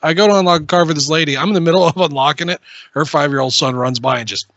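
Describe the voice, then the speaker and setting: A man co-hosting a podcast, telling his own stories in lively, casual chat with laughs. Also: on the high side, very fast, no echo, dull audio. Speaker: podcast co-host.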